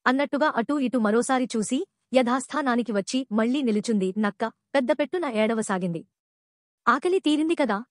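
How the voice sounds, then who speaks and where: High-voiced woman storyteller. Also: a little fast, dry recording, studio quality. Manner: steady reading of a children's fable. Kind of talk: scripted story narration.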